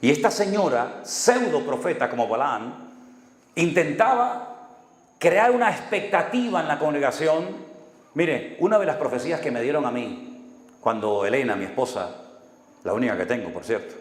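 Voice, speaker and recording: A man's voice: fairly high pitch, animated, normal speed. Male pastor, sermon delivery, dry humor, echoey hall with long reverb. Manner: storytelling, acts out dialogue with dry humor.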